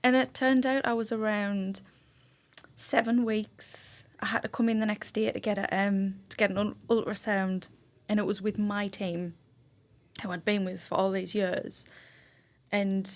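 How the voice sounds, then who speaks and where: A woman of about thirty tells a deeply personal story as a podcast guest, her voice sitting in an ordinary middle range. She relives moments as she speaks, bringing in what others said and letting her emotion rise and fall with the memory. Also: little pitch movement, moderate pace. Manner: emotional, vivid retelling with quoted dialogue. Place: indoor studio room.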